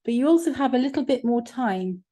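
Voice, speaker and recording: A woman co-hosting an online arts event, her voice mellow and relaxed in tone. She speaks casually with frequent ums while reading out comments and passing to the next guest. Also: a little high, a little fast. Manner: warm thanks, many ums, reading out comments. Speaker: event co-host.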